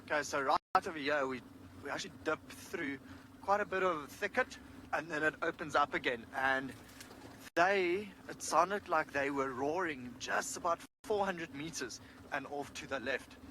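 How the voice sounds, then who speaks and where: A man's voice: a little high, normal speed, bright, forceful tone, rough recording. A man giving informal live wildlife commentary as a safari guide, thinking aloud as he explains, outdoors in a vehicle. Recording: faint outdoor and vehicle noise. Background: outdoor ambience.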